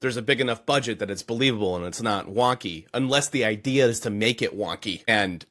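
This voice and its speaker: A man with a somewhat low voice in a relaxed podcast conversation. He is chatty and laughs easily. He often closes his points with a quick tag question, checking in with his partner. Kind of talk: casual podcast chat.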